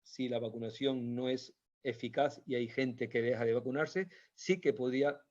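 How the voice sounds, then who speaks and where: Recorded in dull lo-fi sound in the Canary Islands, a Spanish doctor talks informally about health over slides. His voice is medium-pitched, darkish, and at normal speed, and his patient explanations are full of repetition and hesitation.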